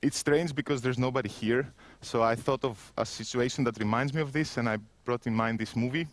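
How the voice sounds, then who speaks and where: A man in his thirties with a Greek accent gives a self-mocking conference keynote, speaking at a medium pitch and a fairly quick pace. He stands in an empty indoor room wearing a headset mic, and his conversational delivery is full of restarts.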